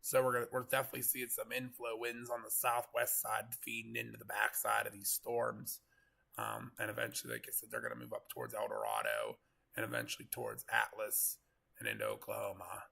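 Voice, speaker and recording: A man with a gravelly, congested voice from getting over a cold, giving casual, rambling live storm coverage commentary. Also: on the low side, a little fast, pushed and bright. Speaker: live weather stream host, storm chaser.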